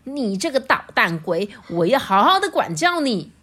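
A woman's voice: on the high side, sing-song, moderate pace, a little mellow, voice pushed up. A woman voicing a vain, boastful male peacock in a children's picture-book reading, haughty and scolding. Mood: angry.

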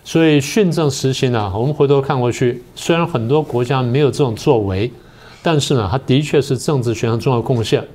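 An older man, a political science professor and guest on a talk show, explaining history in a slow, methodical way. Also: mid-range voice, darkish tone. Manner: methodical, explains step by step with many pauses.

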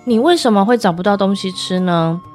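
A woman's voice: medium pitch, fairly quick, a little mellow, faint music behind, natural voice. Kind stern farmer guy a lady storyteller does, plain storybook voice. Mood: curious. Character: kindly but stern male farmer.

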